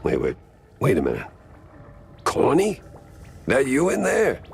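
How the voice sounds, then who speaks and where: A man's voice: mid-range voice, huge pitch swings, measured pace, gravelly, exaggerated voice. A man voicing a wisecracking hard-boiled mouse detective, wry and incredulous, in a noir video game. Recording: loud music behind the voice.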